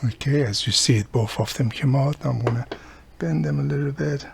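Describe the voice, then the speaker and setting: A radio repairer and video host gives a casual hands-on repair demonstration, plainly explaining each step as he works. His voice is medium-pitched, fairly quick and creaky, with background noise.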